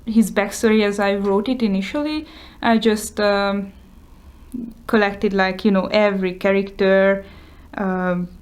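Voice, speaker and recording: A vlogger whose first language is Hungarian shows off her journal in a casual show-and-tell, talking hesitantly with many fillers. Her voice is mid-range with a darkish tone.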